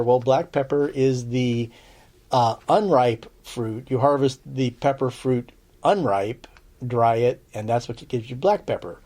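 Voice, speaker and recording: Male podcast herbalist, mid-pitched, mellow tone, chatty teacher with a dry edge. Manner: chatty, checks in with "okay?"; dry sarcastic asides. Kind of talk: casual spoken lesson.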